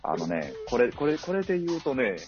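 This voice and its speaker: A man's voice: on the high side, very animated, quick pace, darkish tone, highs cut off, soft background music. A man talking casually about a film as a podcast co-host, hesitant and full of fillers.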